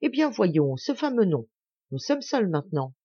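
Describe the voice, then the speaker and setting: A woman's voice: medium pitch, big pitch swings, moderate pace, mellow, husky, dry recording, highs cut off. A woman doing a pompous, kindly village mayor. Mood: solemn. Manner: solemn, benevolent.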